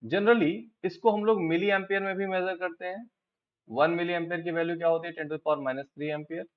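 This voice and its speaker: A man with an Indian accent teaching physics, explaining step by step and asking his students quick check questions. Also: sits high, steady tone, muffled recording. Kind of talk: classroom lecture, Hindi-English mix.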